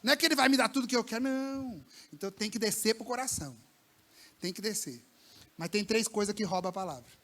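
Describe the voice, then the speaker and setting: A man preaching a lively sermon to young people in a church service, colloquial and slangy, swinging between loud bursts and hushed lines. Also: high-pitched, fast. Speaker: pastor. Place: church service with a live congregation.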